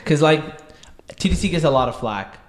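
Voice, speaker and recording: A man with a Toronto accent and a fairly high voice that swings up and down a lot. He banters casually on a podcast, teasing and throwing in local slang. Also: animated, fairly quick, crowd noise. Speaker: podcast co-host. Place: small indoor podcast studio. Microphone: close podcast microphone on stand.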